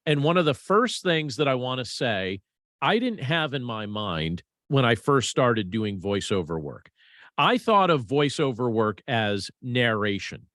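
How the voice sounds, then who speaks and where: A man's voice: medium pitch, very animated, a bit bright, no room sound, studio quality. Man giving casual voiceover tips. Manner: conversational, measured, with fillers and restarts. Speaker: voiceover instructor. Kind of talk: casual instructional talk.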